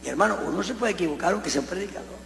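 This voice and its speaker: A man from Colombia, preaching a conversational sermon with animated storytelling and humorous asides. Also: high voice, very fast, creaky. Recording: echoey hall with mains hum.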